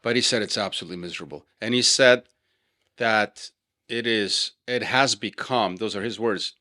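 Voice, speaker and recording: A man from Serbia, co-hosting a casual podcast chat in an animated, emphatic way, often repeating words when worked up. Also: fairly low pitch, normal speed. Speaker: podcast co-host.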